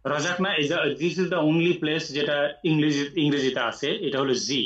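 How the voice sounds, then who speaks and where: A man teaching Quran recitation in an online class, explaining rules patiently and reciting slowly with long drawn vowels. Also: fairly high pitch, steady tone, a bit bright. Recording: echoey room, muffled audio.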